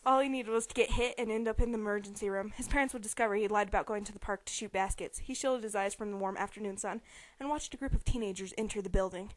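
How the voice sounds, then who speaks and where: A young woman with a mid-range voice talks fast as she gives a dramatic amateur reading of a novel, often giggling and stumbling. The recording is dry and rough.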